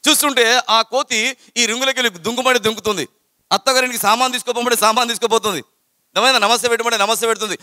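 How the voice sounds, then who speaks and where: A man giving an animated storytelling talk to students, repeating phrases and chanting verses. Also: very high-pitched, fast, dry recording, studio quality. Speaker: motivational speaker to students.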